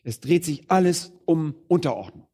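A man preaching a sermon, addressing the congregation directly. He stresses some phrases loudly and drops others low and quiet. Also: expressive, moderate pace, breathy edge. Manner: emphatic, swings between loud stresses and quiet low phrases.

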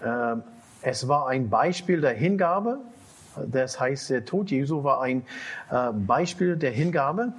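Husky man interpreting haltingly. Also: mid-range voice, lively intonation. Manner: halting, with restarts and repeated key phrases. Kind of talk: consecutive interpreting.

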